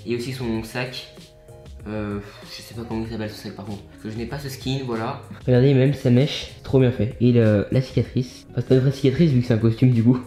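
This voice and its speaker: A man's voice: medium pitch, fairly even intonation, fairly quick, warm tone, reverberant, soft background music. A young man with a French accent chatting casually while showing his toy collection in an upbeat vlog. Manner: chatty, upbeat, many fillers and asides.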